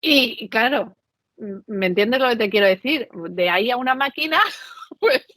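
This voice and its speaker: A woman from Mexico and Spain, a podcast guest, telling stories in an animated, chatty way and often checking in with tag questions. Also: on the high side, normal speed, no echo. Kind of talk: conversational interview.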